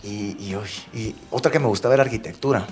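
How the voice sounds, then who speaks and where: A man from Bilbao, raised in Guatemala, whose first language is Basque, telling stories in a lively casual interview and acting out the voices he quotes. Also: on the low side, fast talker, faint music behind. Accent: Guatemalan Spanish. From Bilbao, Spain; raised in Guatemala from age five. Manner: chatty, animated storyteller, acts out quoted voices. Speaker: TV presenter, guest.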